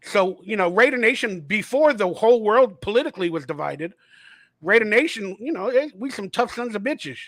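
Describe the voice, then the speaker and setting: High bright-voiced man, animated chat. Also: normal speed, no echo. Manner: animated storyteller, acts out quotes, swears freely. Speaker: host of a fan livestream. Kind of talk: casual chat.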